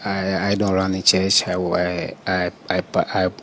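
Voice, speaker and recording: A man's voice: sits low, monotone, measured pace, a bit bright. A man from Nigeria being questioned, answering in a hesitant, evasive way and stumbling over his words. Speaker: interviewed suspect.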